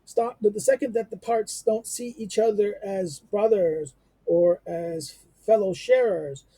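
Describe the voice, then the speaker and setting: A middle-aged man giving an unscripted lecture on a text, halting with many fillers, restarts and rhetorical questions. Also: sits high, warm tone, husky, dry recording.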